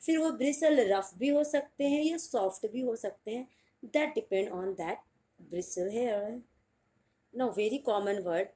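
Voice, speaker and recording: A woman with an Indian accent and a fairly high, dark-toned voice teaches English pronunciation in Hindi. She spells words out letter by letter, repeats them, and checks understanding by asking "clear?"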